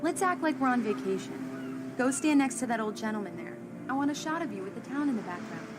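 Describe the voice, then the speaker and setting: A woman's voice: fairly high pitch, lively intonation, fairly quick, over music, close to an everyday voice. A woman playing an affectionate, playful young wife in a video game, tender and teasing.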